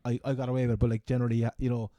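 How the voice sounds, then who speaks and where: A man's voice: mid-range voice, level tone, racing, mellow, no echo. A man with a Cork accent from Ireland, chatting casually as a sports podcast co-host and often restarting his phrases. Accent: Irish, Cork. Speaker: fantasy football podcast co-host.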